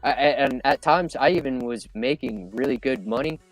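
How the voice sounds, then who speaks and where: A man chatting casually as a livestream guest, speaking in a halting, reflective way. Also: mid-range voice, dry recording, faint music behind. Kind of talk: casual chat.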